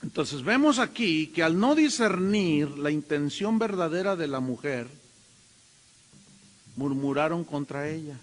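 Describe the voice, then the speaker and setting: A man's voice: fairly high pitch, lively intonation, unhurried, big-room sound. A man with a Mexican accent preaching a sermon as a pastor, emphatic and full of rhetorical questions.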